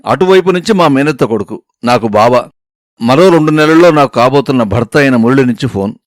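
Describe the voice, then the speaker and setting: A man narrating a first-person story in an expressive storytelling manner. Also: mid-range voice, fairly quick, no room sound, clean studio sound.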